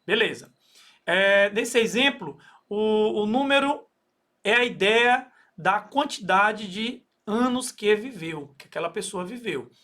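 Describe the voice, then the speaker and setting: A man's voice: high-pitched, slow pace, sharp tone. A Brazilian man teaching a recorded math lesson, explaining step by step with many fillers and frequent "okay?" checks. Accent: Brazilian Portuguese.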